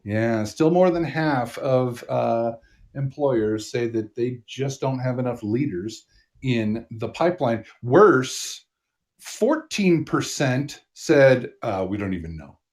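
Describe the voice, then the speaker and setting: Easygoing male podcast co-host, mid-pitched. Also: slow pace, darkish tone. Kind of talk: casual chat.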